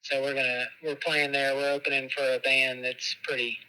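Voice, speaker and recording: A man's voice: mid-range voice, flat delivery, moderate pace, pushed and bright, clear, resonant tone, low-quality recording. A man, calling in and heard through a speakerphone, chatting casually in an easygoing way with many fillers. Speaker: phone caller. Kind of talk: casual phone chat.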